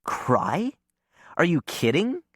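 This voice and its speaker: A man's voice: a little high, huge pitch swings, slow pace, fairly bright tone, husky, dry recording, clean studio sound, voice pushed up, full character voice. A man voicing a blunt, literal teenage boy. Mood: flatly earnest.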